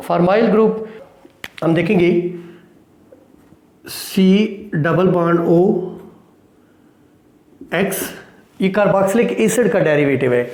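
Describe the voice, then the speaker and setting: A man's voice: high voice, a little mellow, echoey room. A man teaching a chemistry lesson at a board, asking questions and answering them himself, often checking with "right?" and mixing English technical terms into his speech. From Pakistan. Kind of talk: classroom lecture at a board.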